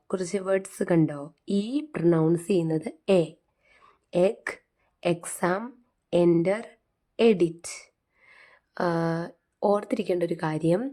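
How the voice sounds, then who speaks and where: Patient woman teacher, slow and low-pitched, spells and repeats words for learners. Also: mellow. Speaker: English phonics teacher. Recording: faint music behind.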